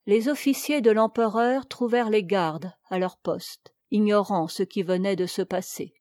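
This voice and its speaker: A woman narrating a historical story in a measured, formal, literary manner. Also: mid-range voice, steady tone, darkish tone, dry recording, studio quality.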